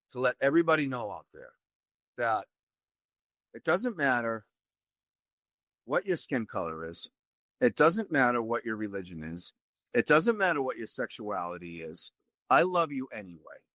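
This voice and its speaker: A tai chi teacher with a Boston accent appears as a podcast guest, speaking earnestly and spelling out details slowly. His mid-range voice is a bit bright, with no echo.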